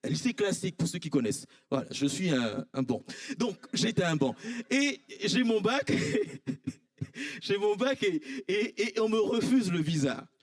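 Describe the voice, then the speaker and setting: Animated Ivorian pastor preaching a sermon. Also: male voice, moderate pace, dry recording, studio quality. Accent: Ivorian French. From Ivory Coast. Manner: animated preaching, swinging from high emphatic cries to low quiet asides. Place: church.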